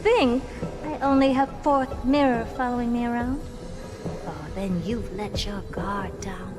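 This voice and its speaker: An actress playing a haughty, smug young genius in a video game, speaking in a theatrical, condescending, taunting way. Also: female voice, fairly high pitch, steady tone, unhurried, close to an everyday voice. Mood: gloating. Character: haughty, smug young woman genius toying with her victim. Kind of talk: scripted video game voice acting. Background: game music.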